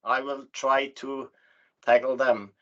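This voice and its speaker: A man moderating an online roundtable, welcoming people in a halting, formally polite way. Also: medium pitch, flat delivery, a bit bright. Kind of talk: spoken welcome and housekeeping to an online audience. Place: online video meeting. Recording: slightly dull online call audio.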